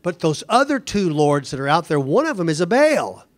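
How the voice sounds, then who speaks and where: A pastor preaching a conversational sermon, slowing down to stress words and then rushing ahead. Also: male voice, fairly high pitch, big pitch swings. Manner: conversational preaching, speeds up and slows down for emphasis.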